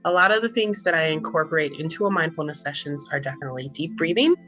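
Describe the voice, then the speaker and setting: A woman working as a holistic business coach, explaining her services and then slowly guiding a breathing and body scan session. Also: low-pitched. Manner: calm, slow guided breathing instructions. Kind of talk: guided mindfulness session. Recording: faint relaxing music behind. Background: soft relaxing music.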